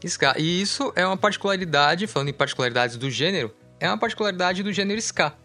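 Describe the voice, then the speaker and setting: A man's voice: high voice, lively intonation, fast talker, bright, forceful tone. A man co-hosting a radio music show, chatting easily and correcting himself as he thinks aloud. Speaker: radio host. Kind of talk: casual radio chat introducing songs.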